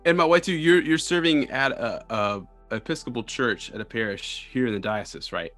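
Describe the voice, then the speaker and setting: A friendly man hosts a casual podcast interview. His voice sits at a middle pitch, and faint music runs underneath. He often restarts his phrases. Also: moderate pace, fairly bright tone. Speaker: podcast host, campus and young adult missioner.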